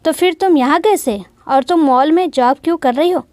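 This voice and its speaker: A woman's voice: high voice, normal speed, a little mellow, no echo, clean studio sound, lightly acted. A woman reading the lines of a young man who presses a lost love with worried questions. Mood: pleading.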